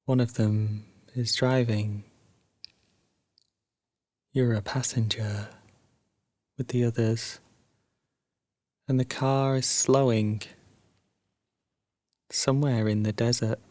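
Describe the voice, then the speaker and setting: A man guides a sleep meditation told as a narrated story, soothing and hushed, with long pauses between phrases. His medium-pitched voice holds a steady tone, and there's no echo.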